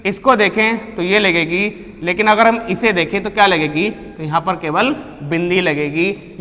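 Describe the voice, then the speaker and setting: A man delivers a classroom lecture, repeating each point and throwing questions back to his students. His voice sits high for a man. The room adds a long, ringing reverb. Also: fairly bright tone. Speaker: Hindi teacher.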